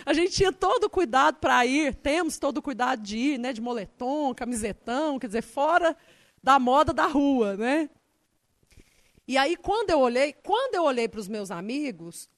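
A woman preaching a sermon, telling a personal story in an animated way, her voice rising when she gets excited. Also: sits high, no room sound.

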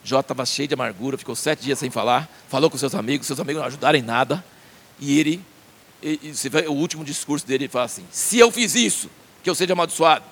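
A man's voice: medium pitch, fast, a bit bright, slightly rough. A man preaching a sermon in a conversational way, asking his listeners questions.

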